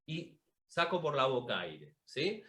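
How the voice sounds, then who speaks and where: Man, speaking coach, animated intonation, demonstrates vocal exercises, video call. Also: medium pitch, slow, slightly rough. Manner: instructive, demonstrates breathing and sung vowels. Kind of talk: online masterclass with vocal demonstrations.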